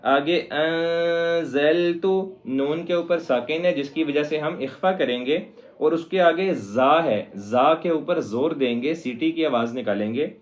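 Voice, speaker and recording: A man teaching a Quran recitation lesson, going patiently through each step. His voice sits a little high. The recording sounds dull and lo-fi.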